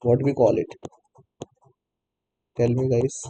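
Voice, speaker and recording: A man's voice: mid-range voice, flat delivery, slow, warm tone, poor audio. A man teaching a live online coding class, repeatedly asking students to answer. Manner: prompts students repeatedly, non-native English phrasing. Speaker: programming teacher.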